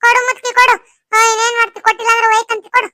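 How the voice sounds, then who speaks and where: A meek young village wife in a cartoon, soft and agreeable, with a North Karnataka Kannada accent. The voice is pushed far up into a thin, very bright falsetto, on a dry recording. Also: male voice, completely flat delivery, racing, dry recording, full character voice.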